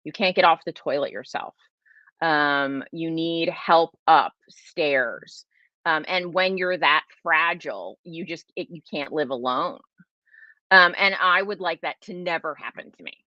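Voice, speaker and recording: A woman in her forties hosts a casual livestream Q&A, her voice sitting low and unhurried, with no room sound and the highs cut off. She's chatty and emphatic, with lots of fillers and restarts.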